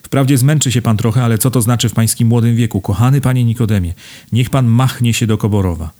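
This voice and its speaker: A man's voice: medium pitch, fast talker, warm tone, natural voice. A man voicing a fawning, panicky older businessman who lisps and pleads for help in an audiobook. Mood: pleading. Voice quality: lisping. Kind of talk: audiobook character voice.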